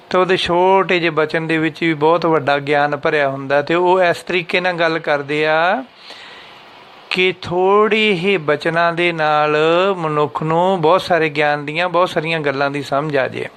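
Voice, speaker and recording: A man gives a patient scripture lesson, explaining meanings and slowly chanting lines to show where the pauses fall. His voice sits a little high for a man. It is smooth and clear. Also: fairly bright tone. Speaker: teacher of scripture recitation.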